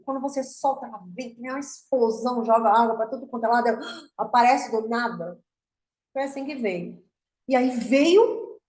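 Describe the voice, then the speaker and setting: A woman with a Brazilian Portuguese accent hosts an online spiritual meeting for women. She shares a heartfelt personal testimony in an earnest, emotional way, sometimes rushing and sometimes slowing right down. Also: high-pitched. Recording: roomy echo.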